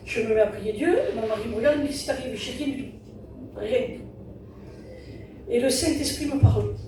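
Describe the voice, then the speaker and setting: A woman's voice: on the high side, a little fast, noisy background. A woman giving an earnest testimony at a church service, retelling events through a string of repeated "I said" and "he said". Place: church hall during a service. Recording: very echoey hall, distant mic, music behind.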